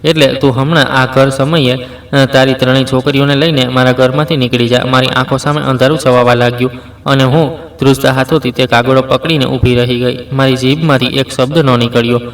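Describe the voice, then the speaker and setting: Man, storyteller, scripted narration, monotone delivery, mid-pitched. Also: a little fast, distant mic.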